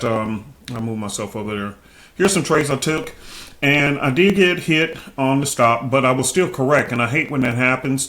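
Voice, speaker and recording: A man's voice: mid-range voice, a bit bright. A man casually hosting trading chart commentary in informal, slangy speech, his cheek swollen after having teeth pulled. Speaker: trading video host.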